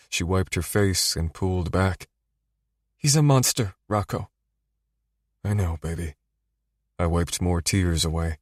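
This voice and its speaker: Deep-voiced male audiobook narrator. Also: no room sound, studio quality. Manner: low, steady, intimate storytelling. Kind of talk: first-person romance audiobook narration.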